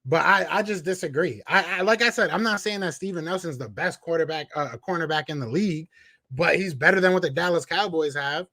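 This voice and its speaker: A man with a Philadelphia accent hosting a live sports podcast, reading out chat comments and trash-talking in a casual, animated way. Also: fairly high pitch, fairly quick, dry recording. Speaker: podcast host.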